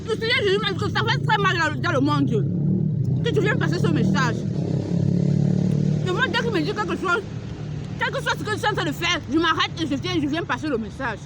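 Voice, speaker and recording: Very high-voiced, fervent preaching woman. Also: animated, brisk, long pauses, over a noisy crowd, heavy background noise. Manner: fervent and scolding, repeating phrases and firing rhetorical questions. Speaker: preacher delivering a prophetic message. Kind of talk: impassioned outdoor preaching to camera. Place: outdoors at a beach.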